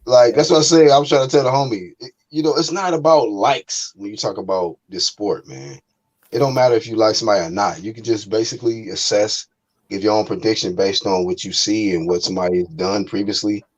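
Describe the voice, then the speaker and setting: Slangy, confident man with a low voice. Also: a little fast, poor audio. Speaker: boxing podcast co-host. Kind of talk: casual chat.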